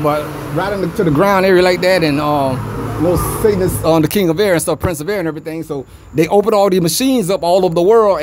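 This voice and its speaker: A man's voice: sits high, slight background noise. A man rambling conspiratorially in slang, talking into a phone held in his hand outdoors by a street. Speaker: vlogger. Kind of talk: casual rambling monologue. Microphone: phone held in hand away from face.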